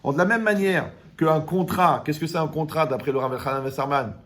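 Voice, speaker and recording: A man giving a lively Torah class, joking and asking his audience questions. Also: on the high side, fairly quick. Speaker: Torah teacher.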